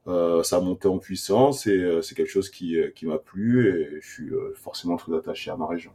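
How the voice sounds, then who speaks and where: Low, mellow-voiced man, halting speech. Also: vocal fry. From Burkina Faso. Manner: hesitant, many "euh" fillers and restarts. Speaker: guest, former rugby player. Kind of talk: casual interview answers.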